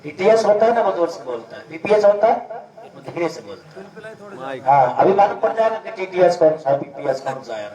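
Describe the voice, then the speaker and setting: A man leading a religious gathering, singing a devotional naat with long drawn-out words and breaking off to urge the crowd to sing along. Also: sits high, very animated, distant mic. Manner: stretches sung words slowly, then scolds the crowd in quick asides. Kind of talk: sung naat with spoken sermon asides. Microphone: stage microphone with added echo. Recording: echoey PA mic at a gathering, music behind.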